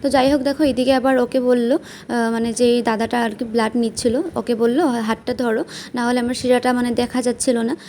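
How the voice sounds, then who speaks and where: Young Bengali woman vlogger, high and even-toned, talking through a day while feeling sick; faint noise behind. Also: brisk. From West Bengal, India. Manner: chatty, plain-spoken, many fillers. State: unwell with stomach pain. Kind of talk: casual vlog narration. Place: at home and out and about.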